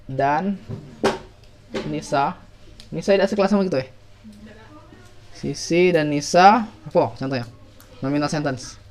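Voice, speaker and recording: A man teaching a class, playful and calling on students by name. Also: fairly high pitch. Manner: playful, calls on students by name, asks questions. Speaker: English teacher. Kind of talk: classroom review lesson.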